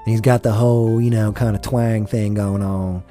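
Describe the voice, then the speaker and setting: A man's voice: on the low side, fairly even intonation, normal speed, warm tone, soft background music. A man from the United States hosting a podcast, delivering an impassioned, profane political rant. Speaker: podcast host.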